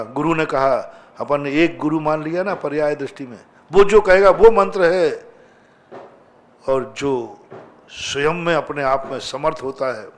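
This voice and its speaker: Slow-preaching man giving a sermon. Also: a little high. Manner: slow, chanting scripture, rising to emphatic outbursts. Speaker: Jain monk preaching.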